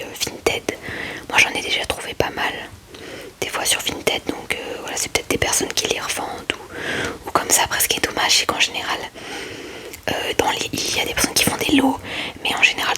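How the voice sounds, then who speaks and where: A woman leads an ASMR clip featuring her card collection, her commentary whispered slowly and gently with some hesitation, very close to the mic.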